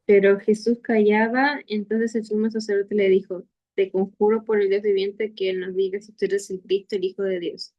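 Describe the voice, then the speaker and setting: A woman's voice: medium pitch, little pitch movement, normal speed, mellow, no room sound, dull audio. A woman with a Chilean accent reading a Bible passage aloud in a church group. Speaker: scripture reader.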